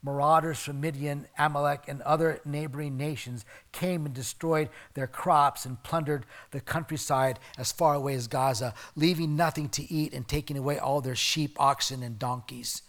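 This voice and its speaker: A middle-aged man preaching a sermon, reading scripture and telling stories, swinging between loud emphasis and quiet asides. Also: on the high side, steady tone, moderate pace, hardly any pauses. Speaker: pastor.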